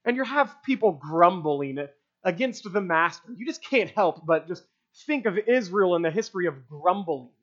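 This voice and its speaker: A preacher talks through a sermon in a relaxed, conversational way, with lively swings in pitch. Scripture passages are read aloud between casual asides. The recording sounds dull and lo-fi, as if the highs were cut. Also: moderate pace. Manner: animated, informal asides. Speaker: pastor.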